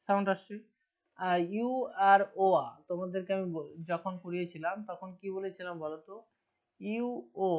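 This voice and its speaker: A woman with a Bengali accent teaching English grammar in an online lesson, asking her students questions and answering them herself. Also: on the low side. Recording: dull lo-fi recording.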